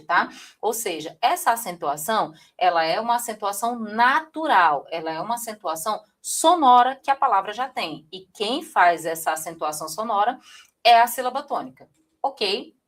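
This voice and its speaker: A woman's voice: on the high side, moderate pace. A woman from Brazil teaching a live online writing class, talking straight to her viewers and often checking in with them. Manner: lively, addresses viewers directly, frequent "tá?" check-ins.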